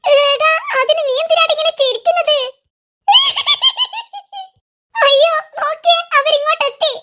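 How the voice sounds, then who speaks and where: A hapless, whiny cartoon boy keeps complaining and begging his friend for help. The voice sits extremely high and sounds sharp and bright. Every line comes out indignant. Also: steady tone, brisk. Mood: panicked. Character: hapless boy who lost his trousers. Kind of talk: cartoon voice acting.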